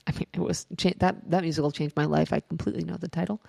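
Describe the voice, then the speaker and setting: A woman's voice: deep voice, steady tone, fast talker, gravelly, warm tone, husky, dry recording, studio quality. A woman co-hosting a podcast, telling a rambling story in casual chat and swearing freely. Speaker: podcast co-host.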